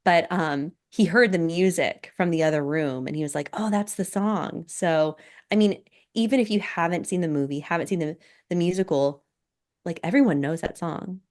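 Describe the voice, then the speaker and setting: A woman hosting a casual podcast chat, soft-spoken and laughing often, her voice a little scratchy from being sick. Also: sits low, moderate pace. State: recovering from illness, scratchy voice. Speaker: podcast host.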